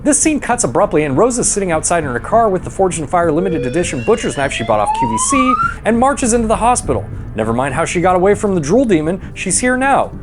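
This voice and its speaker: Fast, with few pauses and huge pitch swings, a high-voiced man delivers a sarcastic, sweary, scripted comic recap of a movie. Background music plays under him, and there's some background noise.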